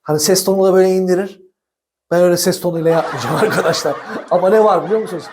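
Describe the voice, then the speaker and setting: This is a man with a notably high voice, giving an instructional billiards talk to camera. He is animated and chatty, laughs easily as he explains, and keeps turning to the viewers as if they were friends gathered at his practice table. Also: very fast. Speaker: billiards coach.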